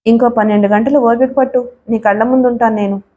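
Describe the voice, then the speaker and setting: Woman reading as a mocking mystery caller, sweet and commanding, a young woman in an audiobook thriller, fairly high voice. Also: steady tone, a little fast, dark tone, natural voice. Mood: teasing.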